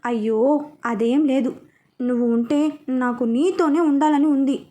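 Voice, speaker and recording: A woman voicing a lively, affectionate young woman who speaks eagerly. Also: high-pitched, a little slow. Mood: pleading.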